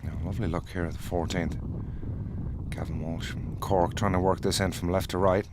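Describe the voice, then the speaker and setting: A man's voice: sits low, steady tone, normal speed. A man giving commentary at a golf tournament. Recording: clear outdoor ambient noise.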